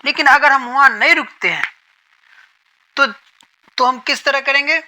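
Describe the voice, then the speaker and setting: A man's voice: extremely high pitch, sharp tone, rough recording. A man teaching a lesson on Quran reading, who repeats each point and asks questions that he then answers himself. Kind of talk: explanatory lesson.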